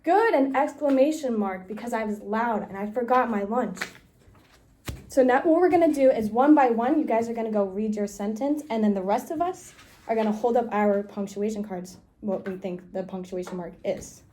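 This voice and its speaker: A woman's voice: a little high, moderate pace, dark tone. A young woman student teacher leading a classroom micro-teaching lesson, upbeat and encouraging, with frequent laughs.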